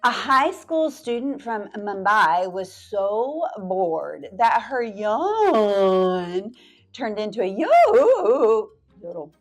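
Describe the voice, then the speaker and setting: A library storyteller with a fairly high voice reads a picture book aloud to children. She draws words out and slips into playful whispered asides.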